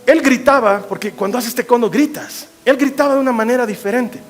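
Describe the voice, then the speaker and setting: Male pastor, bright high voice, expressive sermon delivery, soft music underneath. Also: brisk. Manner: expressive preaching, swinging from loud to hushed.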